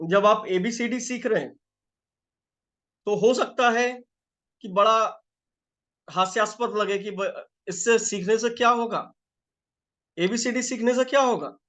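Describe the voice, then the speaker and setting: A male life coach with a high-pitched, somewhat bright voice leads a live group session conversationally. He repeats phrases and checks that listeners are following, though he seems a little unwell.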